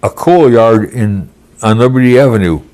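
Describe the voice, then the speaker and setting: A man's voice: medium pitch, normal speed, a little mellow. A man in his eighties from Chicago, speaking plainly and sometimes searching for words. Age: 80s. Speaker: veteran interviewee. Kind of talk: documentary interview.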